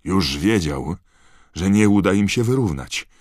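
A deep-voiced man voicing an eager teenage boy yelling excitedly at a match. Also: unhurried, no echo, studio quality. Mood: insistent.

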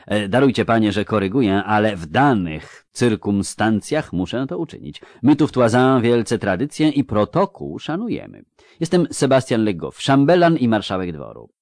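A man's voice: lowish voice, sing-song, normal speed, a little mellow, no echo, studio quality, voice pushed up. A man voicing a portly, pompous court chamberlain who speaks formally and pedantically about etiquette. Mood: pedantic.

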